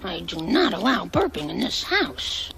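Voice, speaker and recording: A woman voicing a strict, exasperated cartoon mother, scolding primly in a gravelly, raspy voice. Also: medium pitch, very animated, a crowd in the background, low-quality recording. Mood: stern, exasperated. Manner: scolding, prim, drawn-out delivery. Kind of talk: animated cartoon acting.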